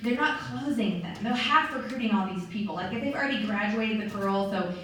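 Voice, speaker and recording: A woman's voice: mid-range voice, a little fast, slight background noise. Chatty woman speaking in an echoey hall. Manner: lively, chatty, acts out quoted voices. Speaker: sales director giving a talk. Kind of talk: motivational talk to a meeting. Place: meeting room or hall. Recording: distant mic in a very echoey hall.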